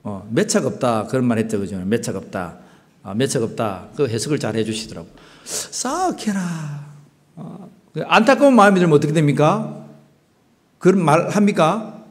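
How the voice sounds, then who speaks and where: A male pastor with a Gyeongsang Korean accent, delivering a sermon and asking the congregation rhetorical questions. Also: a little high.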